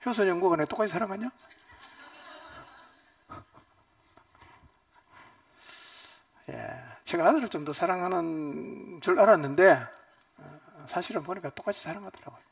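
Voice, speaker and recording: A male pastor giving a Bible lecture at a church retreat, animated, swinging between loud outbursts and quiet asides. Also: high-pitched, unhurried, vocal fry, long pauses, breathy edge, no echo, distant mic.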